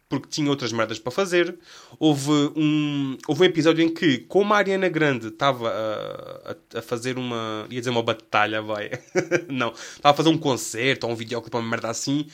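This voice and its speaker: A man's voice: mid-range voice, fairly bright tone. A young man with a European Portuguese accent hosting a solo podcast, rambling in slang and swearing freely. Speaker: podcast host. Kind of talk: casual solo podcast monologue.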